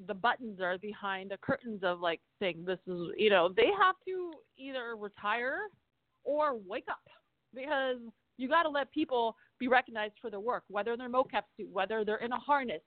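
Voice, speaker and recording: A woman, an actress and stunt performer, telling animated stories from film sets in a casual interview, swearing and acting out quotes. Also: fairly high pitch, dry recording. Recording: dry thin phone-like sound.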